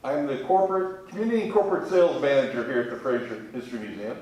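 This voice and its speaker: Recorded on a distant mic in a very echoey room, a Kentucky man who works as a museum sales manager talks conversationally as an interview guest. He speaks fast in a mid-range voice with a darkish tone.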